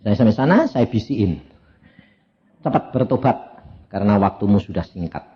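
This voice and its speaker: Elderly man, Javanese accent, preacher, storytelling sermon, lively intonation, muffled lo-fi recording. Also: on the low side, moderate pace. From Central Java, Indonesia. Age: elderly, around 80. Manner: anecdotal, humorous, addresses audience as "saudara". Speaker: evangelist preacher.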